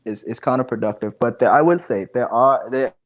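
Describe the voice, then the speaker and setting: A man with a mid-range voice talks fairly quickly and casually, often repeating words. He's a Bahamian in his 20s working as a digital marketing specialist, appearing as a guest on a home video call through an earphone headset.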